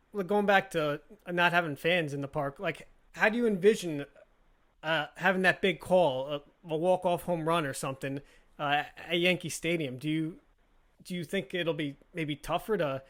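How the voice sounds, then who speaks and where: A man's voice: on the high side, normal speed, fairly bright tone. A man hosting a podcast interview, asking casual questions full of fillers like "like" and "uh" and laughing easily. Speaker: podcast host.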